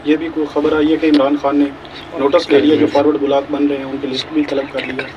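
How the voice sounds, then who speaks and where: A man's voice: fairly high pitch, monotone, fast talker, highs cut off, noisy background. A man working as a reporter, putting long, polite, winding questions at a press talk outdoors. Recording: voice caught from a distance.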